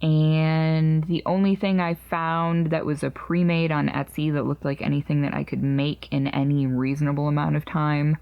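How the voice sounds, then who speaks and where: Woman in her 30s, chatty crafting podcast host, lowish gravelly voice, loose and rambling. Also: flat delivery, normal speed, hardly any pauses, lo-fi sound. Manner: chatty, rambling, jokingly refers to herself in third person. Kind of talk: casual chat about crochet projects.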